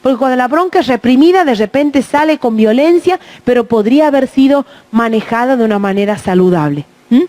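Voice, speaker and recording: Speaking fairly quickly and expressively with hardly any pauses, this middle-aged woman has a slightly high, mellow voice. Her talk to parents is about keeping children safe, and she voices both kids and adults when quoting them, often checking in with the audience through "¿mm?".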